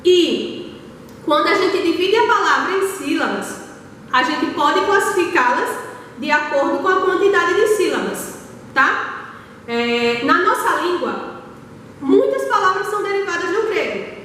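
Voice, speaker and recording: A Brazilian woman teaching schoolchildren, her high voice ringing through a long, cavernous reverb. She stands well back from the mic and talks patiently, sounding words out slowly and checking in often. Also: a bit bright, slight background noise. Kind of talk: recorded lesson for young children. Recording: very echoey hall, voice far from the mic.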